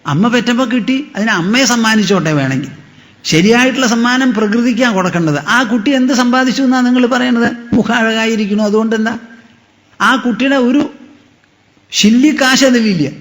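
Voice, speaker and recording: A man. He draws out chanted verses slowly and repeats key phrases for emphasis. His voice rings through a large hall with a long echo. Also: high-pitched, fairly bright tone. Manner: mixes in English explanations. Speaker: spiritual teacher. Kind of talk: devotional discourse.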